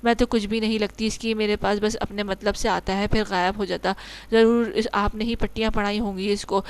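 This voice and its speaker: A woman reading an audio novel voices a young wife who is sulky, jealous and sharp-tongued, complaining through gritted teeth. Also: medium pitch, flat delivery, clear, resonant tone, natural voice.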